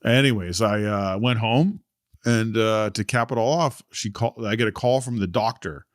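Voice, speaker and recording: A young man co-hosting a podcast, telling a story in a casual, animated way, swearing freely and acting out what others said. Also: lowish voice, moderate pace, no echo, studio quality. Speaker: podcast co-host. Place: lives in Calgary.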